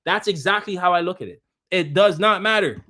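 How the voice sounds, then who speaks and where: A man's voice: sits high, expressive, brisk, sharp tone. A man live streaming, ranting combatively at his chat and repeating his jabs. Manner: combative, repetitive, talks straight at chat. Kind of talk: heated live-stream rant.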